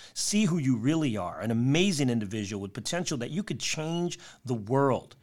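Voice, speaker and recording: Speaking straight to the listener, a man hosts a motivational podcast, offering neat advice in an upbeat, encouraging tone. His voice sits at a medium pitch.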